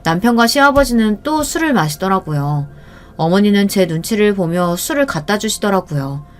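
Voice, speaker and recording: Woman narrating a story over soft music. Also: medium pitch, animated, moderate pace. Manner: conversational, complaining storytelling. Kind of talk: first-person story narration. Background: faint background music.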